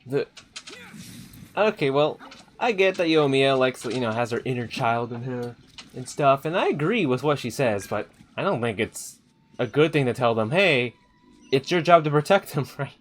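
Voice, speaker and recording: A man's voice: medium pitch, expressive, normal speed, a little hiss or hum. A man hosting a let's play, commenting casually on a story game and reacting with fillers and laughs.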